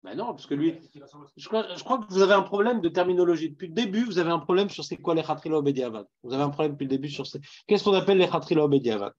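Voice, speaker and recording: Animated Parisian man teaching Talmud. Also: on the high side, rapid-fire, muffled recording. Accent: Parisian French. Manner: animated, questions students, mixes in Hebrew terms. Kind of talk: Talmud class.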